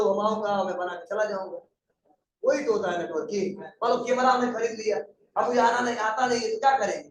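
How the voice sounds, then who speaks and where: A man's voice: high voice, far from the mic. A man teaching a computer class in a conversational lecture style, often asking the students questions. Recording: echoey room, voice from afar.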